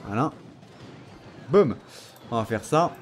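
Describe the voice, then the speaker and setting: With a medium-pitched, expressive voice and a slow pace, a young man who makes gaming videos talks through his own match, cracking jokes at the viewer's and his opponent's expense. The recording has faint background noise.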